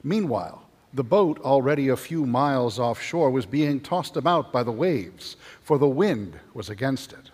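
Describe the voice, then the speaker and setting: A man serving as priest, reading the gospel and preaching in a measured, earnest way, with his voice ringing in a large church. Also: mid-range voice, expressive, darkish tone, breathy edge. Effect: cathedral echo. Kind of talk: gospel reading and homily at Mass. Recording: long cathedral reverb.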